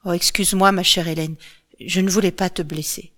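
A woman's voice: on the low side, steady tone, a little fast, fairly bright tone, lightly acted. A woman voicing a frightened young wife in a storybook reading, pleading with emotion. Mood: apologetic.

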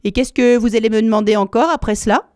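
Woman playing a snappish python, loud, quick, a bit high, storybook. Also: no echo, clean studio sound, lightly acted. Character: irritable rock python, later a helpful elder.

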